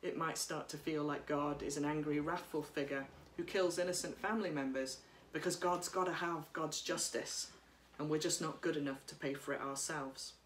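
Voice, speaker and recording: A woman priest giving a sermon at home, speaking in a gentle, reflective way while reading from notes, recorded by a camera across a room. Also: low voice, fairly even intonation, moderate pace, few pauses, echoey room, a little hiss or hum. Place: living room by a bright window.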